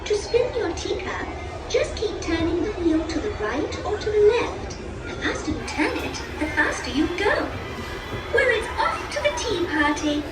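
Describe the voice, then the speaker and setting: A woman giving cheerful, singsong ride safety instructions over an outdoor loudspeaker. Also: extremely high pitch, big pitch swings, measured pace. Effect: outdoor loudspeaker announcement. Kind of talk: scripted ride announcement. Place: outdoors at a theme park ride. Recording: echoey distant speaker in a loud crowd with music.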